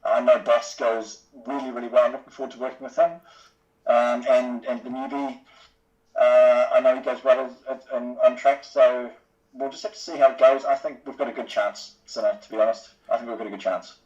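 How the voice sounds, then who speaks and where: A man's voice: mid-range voice, little pitch movement, a little fast, a little mellow. A man chatting casually and matily as a driver being interviewed over a remote call. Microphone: remote call mic. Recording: dull lo-fi voice chat.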